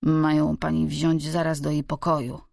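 A woman reading an audiobook, voicing a thin old manservant with a hoarse, slow, formal voice. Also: low voice, level tone, darkish tone, no echo, studio quality, heavily acted. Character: thin old male servant, stiff.

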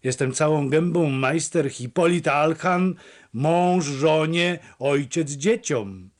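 A man voicing a loud, boastful, hungover young village blacksmith who talks gruffly and boisterously. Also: on the high side, slow pace.

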